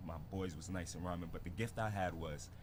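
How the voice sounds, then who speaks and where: A man's voice: sits low, brisk, background noise. A man from Barbados in his thirties, a rapper telling his story in a laid-back casual interview full of slang. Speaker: guest rapper.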